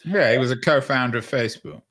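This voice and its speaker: A man's voice: medium pitch, fast, fairly bright tone. Sarcastic, skeptical man in debate. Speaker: podcast host. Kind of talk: casual debate.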